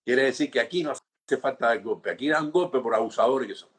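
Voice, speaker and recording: A man's voice: mid-range voice, fairly quick, breathy edge. A man in his sixties with a Cuban accent, telling stories in an interview and acting out what others said to him. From Cuba. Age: 60s. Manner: animated storytelling, acts out quoted guards, frequent restarts and "¿entiendes?". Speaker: interviewee, former political prisoner. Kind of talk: conversational interview storytelling.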